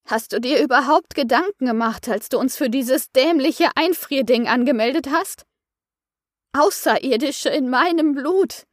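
A woman's voice: sits high, measured pace, no room sound, studio quality, pitched above the performer's own voice. A woman reading an audiobook voices an angry man who talks sharply and indignantly. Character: angry middle-aged man, newly rejuvenated, indignant.

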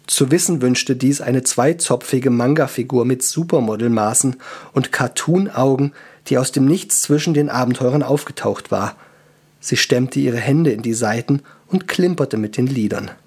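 A man reading a comic fantasy story aloud as narrator, lively and expressive. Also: mid-range voice, normal speed, breathy edge.

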